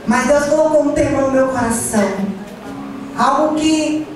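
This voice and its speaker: With a high-pitched voice at a moderate pace, a woman pastor from Ceará, Brazil, speaking with a Cearense Portuguese accent, leads a fervent Pentecostal sermon full of call-and-response and drifting sung phrases. The sound is echoey and distant, from a large church hall with music and congregation in the background.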